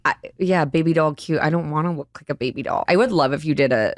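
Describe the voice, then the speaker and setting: A woman in her twenties interviewing her best friend on a podcast, playful and teasing, with quick laughs. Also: deep voice, no echo, studio quality. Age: 20s. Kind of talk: casual chat between friends.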